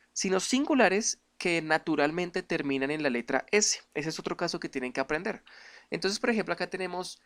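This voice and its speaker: A man teaches an online English grammar lesson. He explains things patiently and keeps putting questions to his viewers. Each English example sentence comes out slow and carefully modeled. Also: fairly high pitch, a bit bright.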